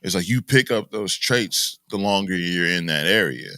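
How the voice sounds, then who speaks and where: A man's voice: deep voice, animated, normal speed, bright, forceful tone, no echo. An American man co-hosting a podcast, talking in a casual, rambling and reflective way that sometimes drops to a mumble. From United States. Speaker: podcast co-host. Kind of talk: casual chat.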